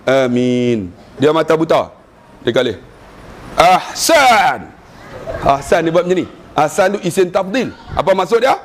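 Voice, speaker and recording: High-voiced Malaysian preacher telling jokes. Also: male voice, fairly quick, a little hiss or hum. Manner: animated storytelling with jokes and chanted recitation. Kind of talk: humorous sermon.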